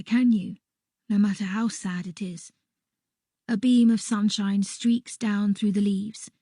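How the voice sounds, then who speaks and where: A woman reading a first-person children's story aloud in a soft, unhurried voice that sometimes drops to a whisper. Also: mid-range voice, no echo, clean studio sound. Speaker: audiobook reader.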